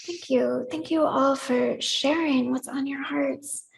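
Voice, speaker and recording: A woman leading a congregation in worship, gently inviting them to repeat words back to her. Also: high voice, fairly even intonation, takes it slowly, vocal fry, poor audio. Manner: gentle, inviting, leads call-and-response. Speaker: service leader. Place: church sanctuary.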